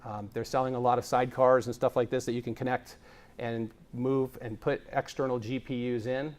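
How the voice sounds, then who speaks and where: On a conference stage, a man gives an enthusiastic tech talk about video production, explaining things energetically and using lots of fillers. His medium-pitched voice is brisk and a little mellow, with little pitch movement.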